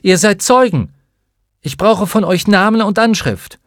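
A man's voice: high voice, very animated, moderate pace, slightly rough, no room sound, studio quality, pitched above the performer's own voice, heavily acted. A man voicing an indignant, defensive middle-aged woman driver in a storybook reading, scolding in a raised, agitated voice. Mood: demanding.

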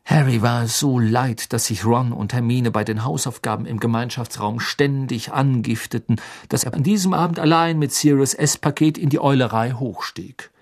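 A man narrating an audiobook in calm, even storytelling. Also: medium pitch, normal speed, few pauses.

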